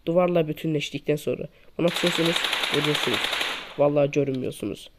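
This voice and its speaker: A fast-talking man teaches mobile shooter tactics in a laid-back screen-recorded tutorial, his low-quality mic swamped by game gunfire and clicks. He calls his viewers friends and repeats each instruction as he shows it.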